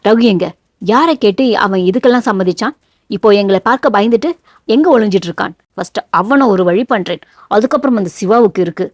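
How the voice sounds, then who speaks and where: A woman's voice: mid-range voice, fairly quick, no room sound, close to an everyday voice. A woman reading the lines of an angry young man who scolds his wife and mother over his sister in a novel. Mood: furious scolding. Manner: scolding, biting outbursts.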